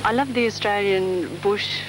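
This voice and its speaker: Heard through the hiss of a 1970s TV documentary, a woman from the Netherlands gives a hesitant, thoughtful interview. She has a medium-pitched voice and keeps a measured pace.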